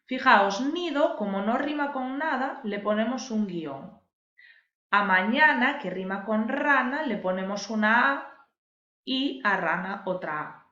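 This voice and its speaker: A woman's voice: a little high, expressive, measured pace, pushed and bright. A woman teacher, patiently explaining a lesson and stressing key words for her viewers. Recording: echoey room, dull lo-fi sound.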